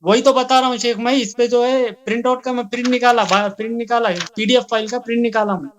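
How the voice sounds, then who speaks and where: Male caller, high voice, polite, keeps justifying himself. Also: steady tone, a little hiss or hum. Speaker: caller in a debate. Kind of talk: defensive debate call.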